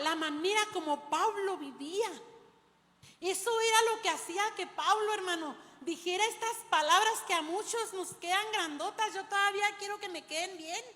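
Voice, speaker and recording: A woman's voice: extremely high pitch, sharp tone. A woman preaching a sermon, telling stories and often calling her listeners "brother". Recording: long hall reverb.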